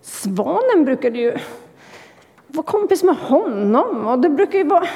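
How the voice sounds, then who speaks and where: A woman telling a story in church as a sermon, expressive and lively. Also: sits high, long reverb tail.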